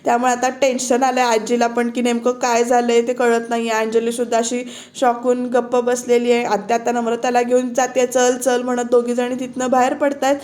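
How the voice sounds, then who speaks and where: A woman's voice: fairly high pitch, completely flat delivery, a little fast, darkish tone. A woman narrating a voice-over recap of a TV serial episode, chatting directly to her viewers. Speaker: TV serial reviewer.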